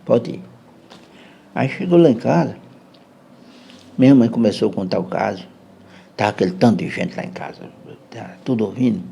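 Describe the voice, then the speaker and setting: Gravelly Brazilian man telling a story. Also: on the low side, expressive, dark tone. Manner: unhurried, tags lines with "né". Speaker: podcast guest. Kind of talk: casual storytelling chat.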